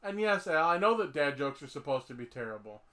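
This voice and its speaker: A man's voice: fairly high pitch, sing-song, fairly quick, bright, forceful tone. A man hosting a podcast, rambling through a casual comedic chat and laughing often. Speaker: podcast host.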